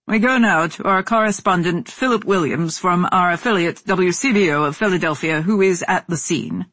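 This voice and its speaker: A woman's voice: lowish voice, moderate pace, a bit bright, dry recording. Woman doing a shaken male radio announcer. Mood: grave. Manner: formal broadcast delivery.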